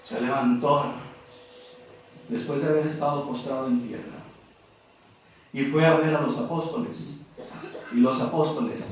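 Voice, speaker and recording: A man's voice: mid-range voice, fairly even intonation, a little slow, long pauses, slight background noise. Male preacher, Mexican Spanish accent, fervent sermon delivery, distant mic in a reverberant hall with faint ambience. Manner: impassioned, acting out anguished pleas. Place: church hall.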